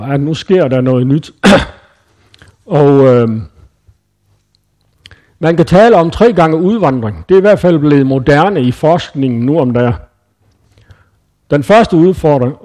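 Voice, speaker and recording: A man's voice: on the high side, expressive, long pauses, mellow. A man preaching in a conversational Bible-teaching style, thinking aloud with frequent hesitations and self-corrections.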